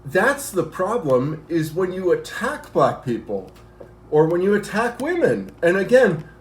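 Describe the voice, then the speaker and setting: Animated, breathless man ranting. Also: high-pitched, unhurried, slight background noise. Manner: animated, argumentative, working out while talking. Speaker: vlogger. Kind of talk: ranting commentary to camera. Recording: echoey room.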